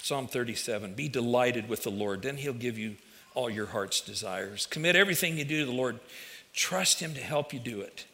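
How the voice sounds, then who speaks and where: A man's voice: mid-range voice, lively intonation, normal speed, pushed and bright. A man preaching a conversational, folksy sermon, addressing listeners directly, his speech slightly affected by wearing a dental retainer. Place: large hall, speaking to a congregation. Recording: long hall reverberation.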